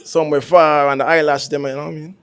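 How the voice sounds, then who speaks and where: A man speaks casually as a dating show contestant. His voice sits a little high and has a lot of creak in it. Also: level tone, fast talker, a bit bright. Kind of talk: casual chat.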